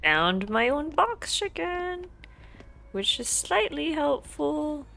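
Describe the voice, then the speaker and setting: A woman's voice: high voice, sing-song, slow, creaky, pushed and bright, a little hiss or hum. A woman streaming a video game, talking to herself through the match in blunt, profane commentary. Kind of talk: live gameplay commentary.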